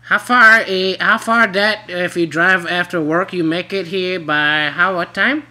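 Doing a full character voice on a prank call, a man plays a naive immigrant wife who is confused and insistent. The voice is high, very sharp, and steady in tone, and she pushes on slowly and haltingly in broken English.

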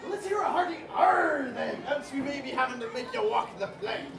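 A woman playing a bossy, playful pirate captain on stage, booming and teasing the audience in a live show. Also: animated, brisk, crowd noise, noisy background. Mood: drilling recruits. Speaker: stage actor. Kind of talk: live interactive theatre. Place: indoor theatre, live audience. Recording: echoey hall from far off with audience.

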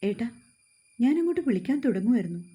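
Woman doing a timid young wife, stammering, very warm dark voice. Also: a little high, sing-song, quick pace. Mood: gentle. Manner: hesitant, stammering.

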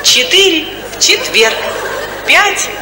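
A woman on a comedy stage voicing an automated clinic phone menu that recites options in a measured, even way. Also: extremely high pitch, crowd noise, exaggerated voice. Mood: recited. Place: stage before a live audience. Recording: echoey stage hall, audience noise.

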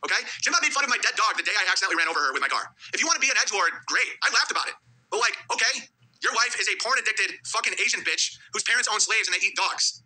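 A man talking at a breakneck pace in a high, piercing voice. He reads viewer messages aloud and slides into a heated, profane rant, fiery and combative. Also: expressive, very fast, bright, forceful tone, low-quality recording. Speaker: livestream host reading viewer letters. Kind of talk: rapid, heated livestream rant.

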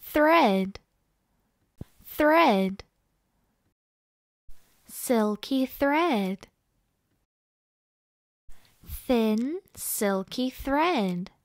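A woman leading a slow English read-aloud drill. She says each word or phrase twice, clearly and with exaggerated expression, so learners can repeat after her. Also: on the high side, lively intonation, dry recording, studio quality. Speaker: English reading teacher.

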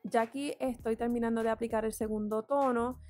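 A woman's voice: on the high side, fairly even intonation, fairly quick, darkish tone, faint music behind. A woman beauty vlogger talking candidly and chattily as she does her makeup, explaining each step. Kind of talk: get-ready-with-me makeup tutorial chat.

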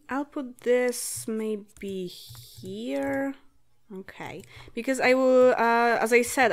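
A woman in her late twenties, Polish by birth, talks through a game in English as a relaxed let's-play host. Her voice sits somewhat high and she speaks at an unhurried pace. She thinks aloud in a chatty way and giggles often. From Poland. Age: late 20s. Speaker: gaming channel host.

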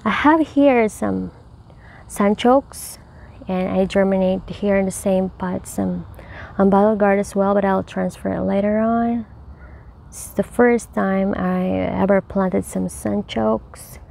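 A home gardener with a mid-range, warm voice and some vocal fry cheerfully chats with viewers as she tours her backyard garden. She films outdoors on a handheld phone camera.

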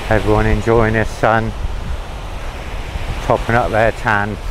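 A man giving a relaxed, chatty running commentary while he walks outdoors along a beach promenade, filming his own travel vlog. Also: on the low side, slow. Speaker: travel vlogger. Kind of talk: walk-and-talk travel vlog. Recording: wind and outdoor noise on the mic. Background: sea, wind and passing traffic.

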